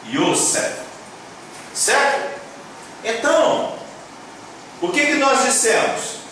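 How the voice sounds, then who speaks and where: A man teaching a class in a slow, deliberate way, his fairly high voice swinging widely up and down as he repeats each key word. He keeps checking that his listeners follow and cheers them on. The voice sits well back from the mic in a very echoey room with faint background noise. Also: a bit bright, distant mic. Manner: repeats key words slowly, checks in with "tá?" and "certo?"; encouraging, addresses viewers as "minha gente". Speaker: Hebrew teacher. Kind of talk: classroom-style lecture at a board.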